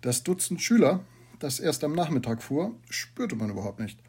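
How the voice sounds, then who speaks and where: A man reading a story aloud in a calm storytelling manner. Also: fairly high pitch, normal speed, breathy edge. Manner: calm storytelling, quieter for asides. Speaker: narrator.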